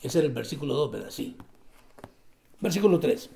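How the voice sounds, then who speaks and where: A man preaching a sermon, swinging between loud exclamations and hushed emphasis. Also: medium pitch, lively intonation, fairly quick, gravelly.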